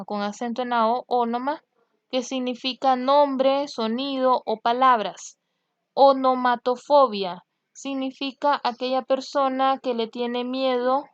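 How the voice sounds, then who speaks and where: A young adult woman with a fairly high voice walks through word roots like a patient teacher, repeating each term and drawing out the key words. The sound is dry and close, with a slightly dull, lo-fi tone. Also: dry recording. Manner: explains slowly, repeats terms, stretches key words. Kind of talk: casual spoken lesson.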